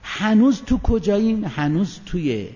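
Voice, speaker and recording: A man delivers a religious lecture in a fairly high voice, his pitch leaping about as he fires rhetorical questions at his listeners. His delivery swings between loud bursts and soft asides. The sound is dull and lo-fi, with a long reverb trailing off his words. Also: sing-song. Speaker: preacher. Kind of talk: Quranic exegesis lecture.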